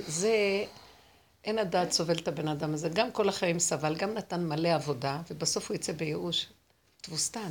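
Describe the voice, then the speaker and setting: Speaking in a gravelly, fairly low voice over slight background noise, a woman delivers a spiritual lesson. She tells her stories with feeling, dramatically acting out people's words.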